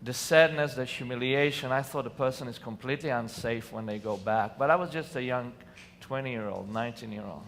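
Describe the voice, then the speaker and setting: Speaking a little fast with hardly any pauses, this conference speaker from Israel has a mid-range, slightly bright voice and an Israeli accent. He shares personal stories earnestly from a lit stage in a big hall, punctuated by abrupt emphatic outbursts, with distant reverb and faint room noise around him.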